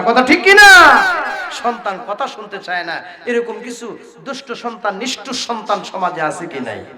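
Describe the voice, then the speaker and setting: A man preaching an Islamic sermon, moving between melodic chanted verses and spoken talk and calling the crowd to answer back. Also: high-pitched. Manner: alternates melodic chanting and talk, urges crowd to respond aloud. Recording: echoey loudspeaker sound with crowd behind.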